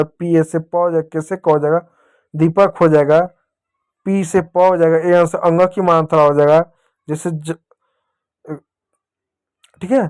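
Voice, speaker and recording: A male teacher gives a patient reading lesson to children, sounding out words slowly and repeating them. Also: on the high side, darkish tone, smooth.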